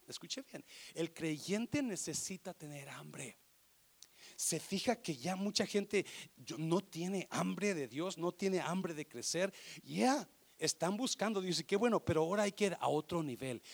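A man's voice: a little high, creaky. A man pastor preaching a sermon, emphatic and exhorting, often calling out questions to his congregation.

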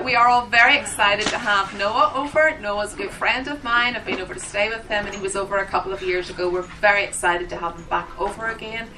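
A woman giving a live interpreter voice, speaking aloud for a signer in the first person at a church seminar in a large room. She talks through a microphone at the front, with plain restarts and fillers. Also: medium pitch. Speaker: sign language interpreter. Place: large meeting room with an audience. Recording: distant mic with faint room noise.

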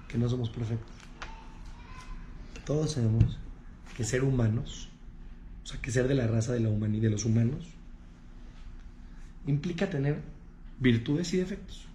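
A rabbi, giving a lively talk to an audience and acting out the people he quotes in changing voices. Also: mid-range voice. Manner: acts out quoted people in shifting voices, addresses audience directly. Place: room with a live audience. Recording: echoey room with faint ambient noise.

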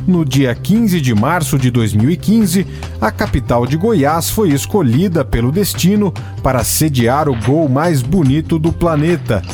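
A Brazilian man reads scripted documentary narration in a fairly high, lively voice. His delivery is slow and measured with dramatic pauses, set over soft music. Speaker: TV report narrator.

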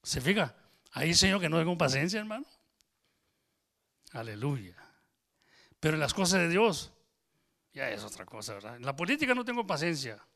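Gravelly-voiced preacher guy, a bit high, joking with his small church, mixes in english. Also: very animated, moderate pace, pauses often, pushed and bright. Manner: switches into English phrases, jokes with congregation. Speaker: pastor. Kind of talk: informal sermon.

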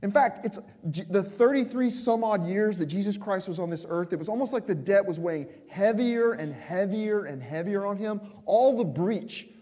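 Emphatic preacher, warm voice, long reverb. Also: male voice, high voice. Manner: impassioned, emphatic, swings between slow stresses and quick asides. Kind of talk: sermon.

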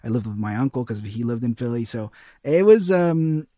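A man's voice: mid-range voice, expressive, normal speed, mellow, no room sound, studio quality. A young man from Ecuador, a guest in a casual podcast chat, talking in a rambling way with many fillers and restarts. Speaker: guest, animation artist.

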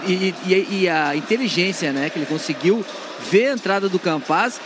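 High-pitched male football pundit. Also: lively intonation. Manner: halting, keeps tagging phrases for agreement. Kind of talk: unscripted match analysis. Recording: noisy live stadium broadcast.

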